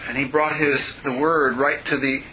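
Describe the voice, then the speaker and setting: A man's voice: mid-range voice, little pitch movement, moderate pace, pushed and bright, slight background noise, rough recording. A man leading a group discussion, earnest and emphatic, preaching his points. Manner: earnest, emphatic, addresses others by name. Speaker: discussion leader.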